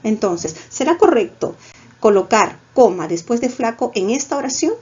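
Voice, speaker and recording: A woman with a Peruvian Spanish accent, teaching a recorded grammar lesson in a lively, coaxing way, checking in with her students often. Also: fairly high pitch, moderate pace, muffled recording, a little hiss or hum. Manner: lively, coaxing, peppers lines with "¿ya?".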